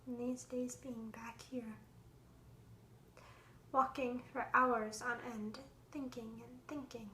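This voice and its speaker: Actress playing a haunted, fragile young actress. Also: female voice, fairly high pitch, level tone, slow, long pauses, slight background noise. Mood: searching. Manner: swings between hushed whispers and sudden raised outbursts. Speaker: actress performing a monologue. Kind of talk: stage monologue performance. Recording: echoey room.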